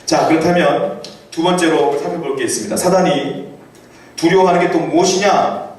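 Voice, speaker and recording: A male pastor preaching a sermon in a conversational way, asking his congregation rhetorical questions and reading scripture aloud slowly. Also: a little high, fairly even intonation, slight background noise. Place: church sanctuary. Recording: echoey church hall from a distant mic.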